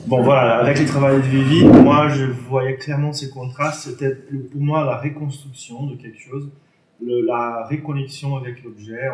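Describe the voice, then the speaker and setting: A man's voice: mid-range voice, darkish tone. A non-native man with a foreign accent in French gives an informal presentation, hesitating, searching for words and correcting himself. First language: not a native French speaker. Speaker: artist presenting an exhibition. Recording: roomy echo, distant microphone.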